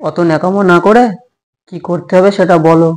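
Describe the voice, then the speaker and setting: A man playing a short-tempered young husband in a comic home drama, snapping and quick to take offence. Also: high-pitched, steady tone, darkish tone, raised voice, some chatter behind, natural voice. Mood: indignant.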